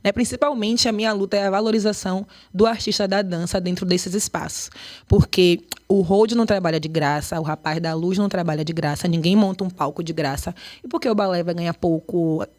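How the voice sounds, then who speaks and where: A woman from Bahia with a Bahian Portuguese accent, a dance choreographer and artistic director speaking in a podcast interview with animated emphasis. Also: on the low side, fairly quick. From Brazil, Bahia. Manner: animated, emphatic, lively storytelling.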